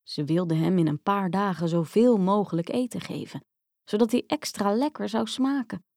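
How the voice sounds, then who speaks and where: Woman storyteller, even delivery, fairy tale reading, dry recording. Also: medium pitch, moderate pace, creaky, no room sound. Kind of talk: fairy tale read aloud.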